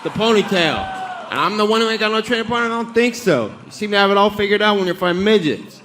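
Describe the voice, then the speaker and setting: High-pitched man shouting mocking trash talk. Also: fast.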